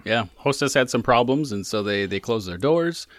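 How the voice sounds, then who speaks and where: A man's voice: mid-range voice, expressive, normal speed, no echo, studio quality. A man co-hosting a casual food-tasting show, chatting about the taste and sharing trivia between bites. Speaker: co-host.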